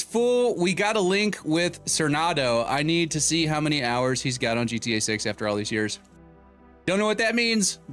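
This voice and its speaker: Faint background music sits behind this streamer, a young adult man whose medium-pitched voice has a fairly bright tone. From a desk mic in a home room, he jokes casually and reads viewer names and donations aloud.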